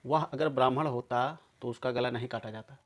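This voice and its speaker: Male commentator, mid-pitched, emphatic, accusing delivery straight to camera audience. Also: steady tone, a little fast. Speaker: video commentator. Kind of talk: polemical monologue to viewers.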